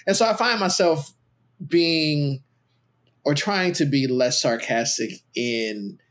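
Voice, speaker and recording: Guy on a parenting podcast, kinda high voice, rambles and restarts a lot. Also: lively intonation, takes it slowly, fairly bright tone. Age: adult with a teenage son. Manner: rambling, many restarts, trailing off. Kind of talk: casual podcast chat.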